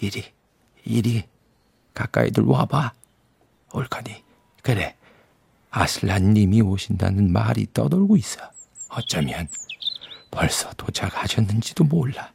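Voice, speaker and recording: A man acts out a kindly grown beaver from a storybook, with a creaky, gravelly voice. He talks in a folksy, watchful way, as if guarding a secret. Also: medium pitch, animated, unhurried, slight background noise, voice pushed up. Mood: hushed, secretive. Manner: secretive, folksy beaver talk, hushed at moments. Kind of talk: storybook character voice.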